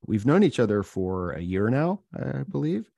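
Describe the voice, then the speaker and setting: A male podcast host interviewing a guest, speaking in an earnest, slow and deliberate way. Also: mid-range voice, very animated, gravelly, mellow, no echo.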